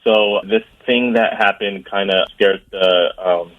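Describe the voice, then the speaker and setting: A man's voice: fairly low pitch, fairly even intonation, slow pace. A man talking on a phone call, hesitant and sheepish as he explains himself. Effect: heard over a phone line. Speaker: caller on the phone. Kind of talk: casual phone chat. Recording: muffled phone call audio.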